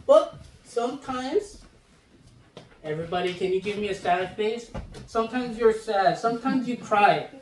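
A man's voice: high-pitched, measured pace, a little hiss or hum. A man in his thirties, an assistant pastor, preaching to young people in front of a chalkboard, speaking into a handheld microphone and acting out children's moods with playful voices. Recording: roomy echo, mic heard from a distance.

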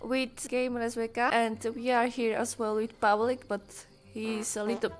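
A young woman with a Slovak accent co-hosts as a gamer, chatting casually and giggling while playing a game with her partner, easily amused. Her voice is fairly high but her delivery flat, at a moderate pace, with faint music behind.

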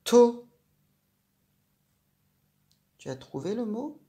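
Lady teacher going real slow, sounding out syllables for a little kid, low voice. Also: expressive, warm tone. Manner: slow, clear, syllable by syllable, addressing the child directly. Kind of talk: reading lesson for young children.

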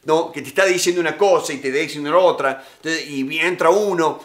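A man's voice: a little high, fast talker, a bit bright. Emphatic man teaching negotiation. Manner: emphatic, repeats key phrases. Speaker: negotiation instructor. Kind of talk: casual teaching talk.

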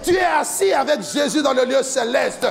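High, gravelly man shouting a sermon. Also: animated, moderate pace, faint music behind. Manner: impassioned preaching, often shouting, chanting cadence. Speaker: pastor. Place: large church hall with a stage, indoors. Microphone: handheld mic.

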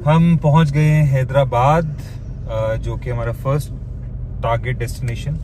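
A man's voice: mid-range voice, fairly even intonation, a little slow. A man in his thirties driving and narrating a family road trip vlog, calling out distances and times like a commentator. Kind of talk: casual travel vlog narration. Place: inside a moving car on a highway. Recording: road and engine noise.

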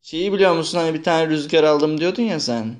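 A young man gently and patiently questioning his little daughter in a casual, playful chat. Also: on the high side, a little fast.

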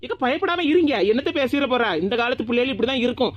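A woman voicing a gossipy younger aunt with a Kanyakumari Tamil accent in an animated cartoon. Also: high-pitched, quick pace, no room sound. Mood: chatty. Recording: dull lo-fi.

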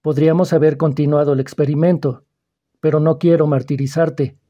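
A man reading the part of a calm, persuasive schoolboy who probes another boy's fears, in an audiobook. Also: a little high, normal speed, lo-fi sound, natural voice. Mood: calm, probing. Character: calm, probing, mysterious older schoolboy.

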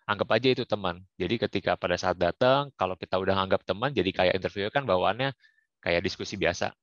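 Young male speaker, deep voice, casual advice delivered with frequent fillers; dry, dull recording. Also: fast talker, no room sound. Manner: casual, with frequent fillers and English career terms. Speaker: guest speaker. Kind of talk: online career talk. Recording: muffled, dry, lo-fi.

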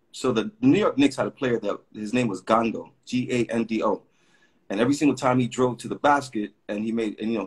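In a casual storytelling interview on a video call, a middle-aged Puerto Rican graffiti artist spins long, filler-heavy tales over his webcam. His voice is on the low side with a breathy edge.

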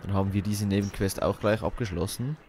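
Low-voiced man doing casual game commentary. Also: a little fast, noisy background. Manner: thinking aloud, colloquial. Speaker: let's play host.

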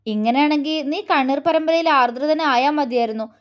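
A woman's voice: high-pitched, moderate pace, lightly acted. Stern teasing young husband, read by a woman. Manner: grave, then teasing and mocking.

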